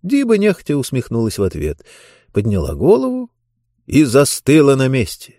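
A man narrating a fantasy story with expressive, dramatic intonation, read close to the mic. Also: mid-range voice, normal speed, no echo. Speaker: audiobook narrator.

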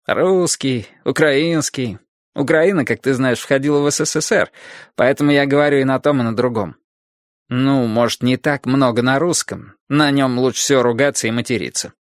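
A man's voice: mid-range voice, normal speed, no echo, lightly acted. Male reader doing a raised, offhand voice for a mocking teen boy, dry close sound. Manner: shrugging, nonchalant delivery.

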